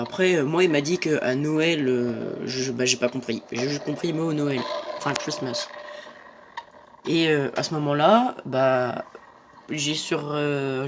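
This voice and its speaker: A man's voice: on the high side, measured pace, a little hiss or hum. A young man giving casual commentary on a video game as he plays, hesitant and full of fillers. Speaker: gaming youtuber. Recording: game music behind.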